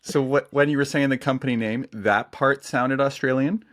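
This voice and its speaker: A man hosting a podcast interview, asking questions in a relaxed conversational way. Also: medium pitch, normal speed, no echo. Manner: asks conversational questions with fillers. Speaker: podcast host. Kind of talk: casual interview chat.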